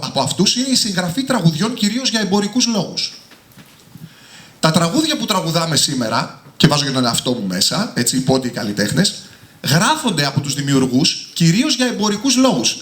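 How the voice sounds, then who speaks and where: A man's voice: fairly high pitch, a bit bright. Passionate man speaking in an echoey hall. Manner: passionate, emphatic, often ending points with a tag word. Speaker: author and singer presenting his book. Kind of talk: public talk at a book presentation. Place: indoor hall with a live audience.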